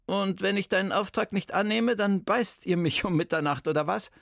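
Man doing a sharp-tongued elderly woman detective for an audiobook, gravelly edge. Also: high-pitched, normal speed, no room sound, studio quality, pitched above the performer's own voice. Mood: wry. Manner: sharp, no-nonsense. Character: brisk retired old woman detective.

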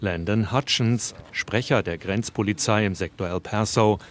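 A man narrating a news report in German in a measured, scripted way. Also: on the low side.

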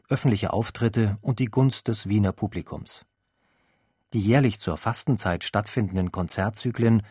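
Low-voiced man narrating over faint music. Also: a little mellow, breathy edge, no room sound. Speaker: documentary narrator. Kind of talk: scripted narration. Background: faint classical music.

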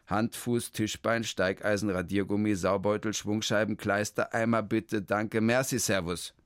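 A man's voice: lowish voice, fairly even intonation, measured pace, clear, resonant tone, no room sound, clean studio sound, natural voice. A man voicing a flustered, stammering male concert pianist in a children's story. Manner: hesitant, stammering.

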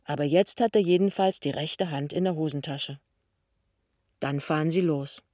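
Man reading a novel aloud, calm and even, dry close mic. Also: a little high, normal speed, no room sound. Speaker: audiobook reader. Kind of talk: scripted narration.

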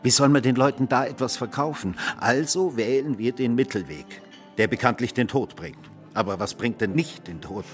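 In a German radio drama, an actor plays a world-weary, cynical man who philosophizes in a rambling, theatrical, mock-courteous manner. His medium-pitched voice is close to an everyday one, delivered at normal speed with a musing, dry mood. Faint music plays behind him.

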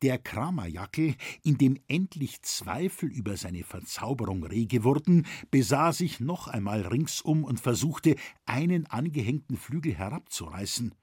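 A man reading a novel aloud as narrator, with expressive storytelling. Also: mid-range voice, a little slow, few pauses, husky, no room sound, clean studio sound. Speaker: audiobook narrator.

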